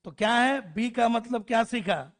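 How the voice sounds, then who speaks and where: A man's voice: very high voice, unhurried, fairly bright tone. A man teaching English grammar to a class, spelling letters out, calling out word lists and teasing students. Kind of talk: classroom lecture.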